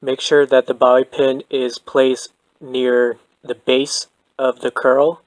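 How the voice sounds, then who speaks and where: A man calmly talking through a hair-setting tutorial in a voice-over, soft-spoken and methodical. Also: medium pitch, slow pace, no echo, low-quality recording. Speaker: doll hair tutorial host. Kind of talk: calm instructional voice-over.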